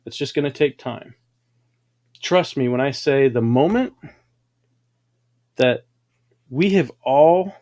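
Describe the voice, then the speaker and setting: Hosting a livestream, this man tells boastful, larger-than-life stories meant to motivate, preaching them with dramatic flair. His voice is medium in pitch and a little mellow.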